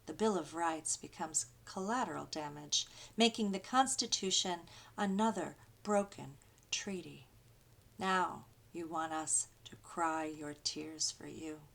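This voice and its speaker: A woman pastor preaches with a slow, measured cadence, each phrase landing deliberately. Her voice sits somewhat low, and she reads poetry aloud in a rhythmic, incantatory way, returning again and again to the same refrain. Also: creaky. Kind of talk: sermon with poetry reading.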